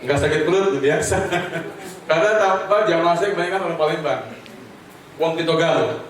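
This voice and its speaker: A man's voice: on the high side, a little fast, slight background noise. A man preaching a humorous sermon at a home gathering, telling stories, addressing the audience directly and leading them in recitation. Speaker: Islamic preacher. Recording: very echoey, distant mic, crowd audible.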